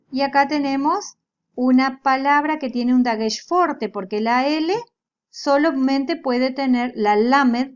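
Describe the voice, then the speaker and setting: A woman teaching Biblical Hebrew in a recorded lecture, explaining step by step in a slow, patient way. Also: high-pitched. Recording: dull lo-fi recording.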